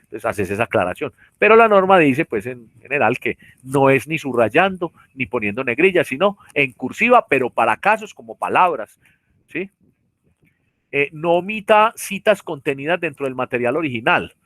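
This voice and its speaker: A man's voice: mid-range voice, big pitch swings, normal speed, a bit bright, dry recording. A man teaching a virtual class, explaining step by step with many fillers and tag questions. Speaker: university lecturer. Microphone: computer mic on a video call.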